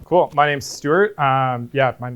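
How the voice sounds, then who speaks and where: A young man from Canada chatting casually as a game show contestant, talking quickly and laughing often. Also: medium pitch, fairly bright tone, smooth, highs cut off. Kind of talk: casual group chat.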